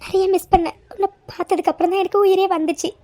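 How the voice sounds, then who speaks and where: A soft hesitant young woman in a cartoon, super high voice, dry sound. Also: steady tone, very fast, no echo. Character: tender, emotional young woman, often tearful. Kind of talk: cartoon dub dialogue.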